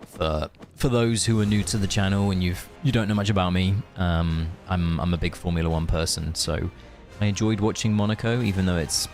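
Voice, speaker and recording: A man streams a game while music plays, chatting away to viewers in friendly, rambling asides. His low, slightly mellow voice runs a little fast, with hardly any pauses.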